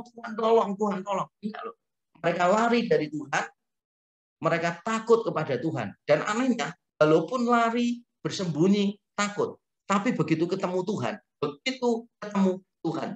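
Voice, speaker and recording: A male pastor with an Indonesian accent, preaching a lively, humorous sermon and acting out quotes. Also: high voice, roomy sound. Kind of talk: sermon teaching.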